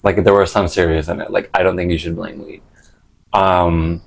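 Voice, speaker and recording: A man's voice: low voice, level tone, normal speed, creaky. A man chatting casually and rambling to camera in an unfiltered, slangy, sweary way. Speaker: vlogger.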